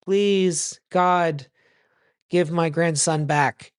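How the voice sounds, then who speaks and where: A rabbi doing a desperate elderly grandmother, raised pitch, begging and repeating herself, a voice dropped into a joke told in a relaxed class talk; the plea climbs a little higher and louder than the teller's own voice while staying an everyday voice, briefly put on by the teller. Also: drawn-out words, clean tone. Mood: pleading. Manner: pleading, repeating her plea over and over. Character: frantic elderly grandmother praying at sea.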